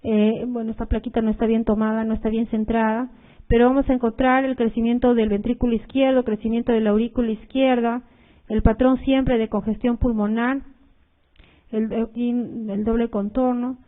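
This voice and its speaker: Female medical lecturer, fairly high voice, talks through slides with fillers and repetition, phone-quality audio. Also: little pitch movement, moderate pace. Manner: explanatory, uses fillers like "este" and "eh"; repeats key points, addresses students directly. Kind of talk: recorded cardiology lecture over slides.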